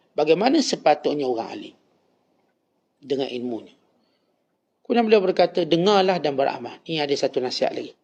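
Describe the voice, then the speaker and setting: A man with a Malaysian Malay accent delivers a religious lecture, moving between storytelling and stern admonition. His voice sits slightly high and has a gravelly edge. The recording sounds dull and lo-fi. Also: a little mellow. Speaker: religious teacher. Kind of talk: Islamic lecture.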